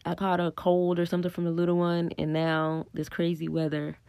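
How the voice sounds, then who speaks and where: A woman hosts her own podcast in a fairly low, monotone voice with vocal fry and a darkish tone, speaking fairly quickly in a clean recording with no room sound. Despite a cold, with a stuffy nose and scratchy throat, she thinks aloud about spiritual growth in a casual solo monologue, earnest and encouraging, with plenty of ums.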